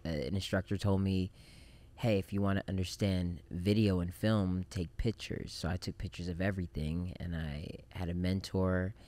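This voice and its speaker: A man in his thirties who grew up in Japan, a film director talking as a podcast guest in a relaxed, reflective way with many fillers, on a studio mic. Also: low-pitched, moderate pace. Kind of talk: casual interview chat. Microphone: studio mic on boom arm.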